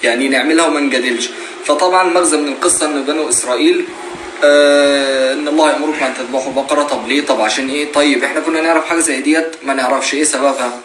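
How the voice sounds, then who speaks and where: Talking rapid-fire in a fairly high, steady voice, a twenty-something man with an Egyptian Arabic accent gives heartfelt yet informal religious guidance over a live stream and asks rhetorical questions. There's roomy echo and a little background noise.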